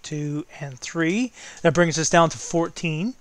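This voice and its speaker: A man's voice: fairly high pitch, slow pace, no room sound. A man working as game master, improvising narration for a tabletop game.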